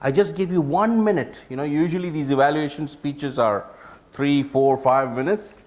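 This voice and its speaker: A man presenting a public speaking workshop, lively and joking with the audience. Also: on the high side, normal speed. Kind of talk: live workshop talk.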